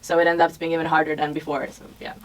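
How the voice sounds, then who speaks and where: Fast-talking teen girl. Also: low-pitched, monotone. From Croatia. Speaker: guest, student. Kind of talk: casual chat. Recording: distant mic.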